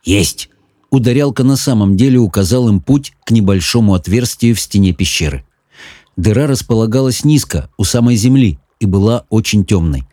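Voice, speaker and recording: A man reading a children's fantasy audiobook in measured, even storytelling narration. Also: lowish voice, no echo, clean studio sound. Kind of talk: scripted narration.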